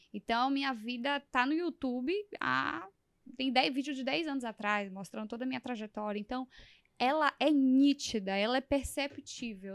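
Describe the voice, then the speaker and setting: A woman hosting an interview, explaining her ideas in a measured, coaching way. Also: on the high side, creaky, no room sound. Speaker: host. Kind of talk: reflective interview talk.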